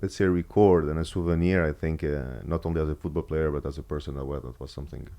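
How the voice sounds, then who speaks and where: Talking as an interview guest in a loose, informal setting, the man, once a footballer in Kosovo, carries an Albanian accent and hesitates a lot with fillers and false starts. His very low voice sounds mellow, and its intonation holds fairly even.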